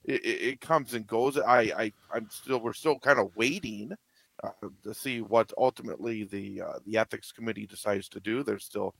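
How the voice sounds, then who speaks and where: A man's voice: lowish voice, normal speed, gravelly, a bit bright, husky, no echo. A man, a local sports radio announcer, chatting as a guest in a rambling way with many restarts. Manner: rambling, lots of restarts and fillers. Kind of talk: casual radio chat.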